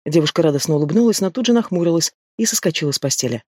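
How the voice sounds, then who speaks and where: A man narrates a fantasy audiobook in a steady, expressive reading. His voice sits fairly high for a man. The recording is dry and close to the mic. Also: rapid-fire, no room sound. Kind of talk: scripted narration of a fantasy novel.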